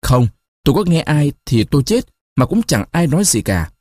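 A shy young village man, read by a male storyteller, answers gently and hesitantly. His voice is warm and a little husky, with lively rises and falls. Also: on the high side, normal speed, dry recording, clean studio sound. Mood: pleading.

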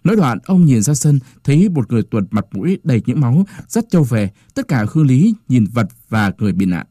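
Brief: male audiobook narrator, mellow dark tone, dramatic delivery. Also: medium pitch, fairly quick, no echo, clean studio sound. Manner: dramatic expressive reading. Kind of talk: audiobook story reading.

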